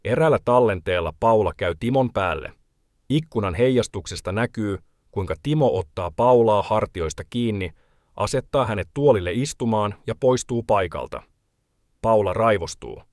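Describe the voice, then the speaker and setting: Male reporter, lowish register, measured feature voice-over, dry booth sound. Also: animated, darkish tone, dry recording. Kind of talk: scripted documentary narration.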